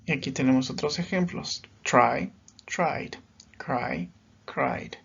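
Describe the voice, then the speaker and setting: A man gives a recorded grammar lesson, walking through each rule slowly and patiently. His voice sits at a middle pitch. The recording is dull and lo-fi. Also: creaky, fairly bright tone, breathy edge. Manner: patient, explains step by step, often checks with "¿sí?". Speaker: English teacher.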